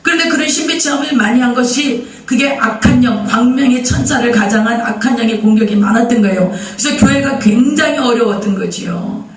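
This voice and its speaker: A man preaching a sermon as pastor, telling a story in a lively way and asking the congregation questions. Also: very high voice, a little fast, few pauses, echoey room, distant mic, soft background music, rough recording. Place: church sanctuary.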